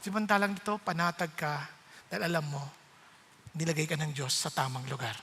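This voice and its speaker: A middle-aged man preaching with a high, bright voice that rings through a large hall with long reverb. He tells personal stories with lively energy, acting out each exchange and laughing often. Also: brisk, breathy edge. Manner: animated, acts out dialogue, laughs often. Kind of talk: sermon with personal storytelling.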